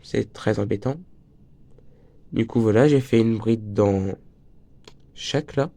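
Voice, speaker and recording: Slow and unhurried, a teenage boy with a slight cold and a breaking voice hosts a casual crochet tutorial. His lowish voice is creaky and mellow, and he keeps chatting, joking, and wandering off the subject.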